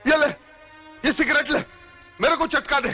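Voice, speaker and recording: An actor playing a grieving mill worker turned outlaw, sobbing and shouting in Bollywood melodrama style. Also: male voice, very high voice, normal speed. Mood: sobbing remorse. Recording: film soundtrack with loud music.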